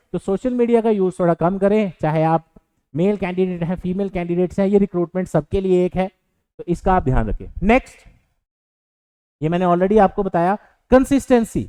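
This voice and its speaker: A man's voice: high voice, mellow, smooth, no room sound, rough recording. A man teaching exam aspirants, giving earnest advice in a motivational lecture with a few fillers. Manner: earnest, advising, with fillers and English words mixed in. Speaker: coaching teacher.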